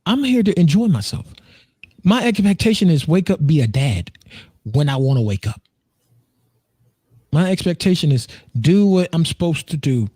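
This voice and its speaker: Clean studio sound with no room tone carries a man's warm, slightly rough voice on the high side. He's an American in his thirties, a podcast co-host and streamer, casually joking in a group chat, repeating himself and swearing without restraint.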